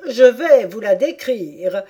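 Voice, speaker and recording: A woman reading an audiobook voices a boisterous griffin creature that bursts out in loud exclamations. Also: medium pitch, animated, slow. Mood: excitable.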